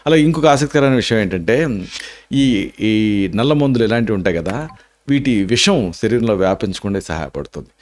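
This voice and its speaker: A man's voice: on the low side, a little mellow. A man, an Ayurvedic doctor giving health tips and explaining symptoms and home remedies. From India.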